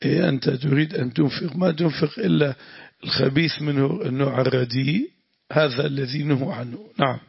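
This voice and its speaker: A man's voice: fairly quick, vocal fry, breathy edge, no room sound. A man teaching a classical Arabic religious lesson, patiently explaining terms and often saying yes to approve the reader. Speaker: sheikh explaining tafsir. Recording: dull dry low-fi recording.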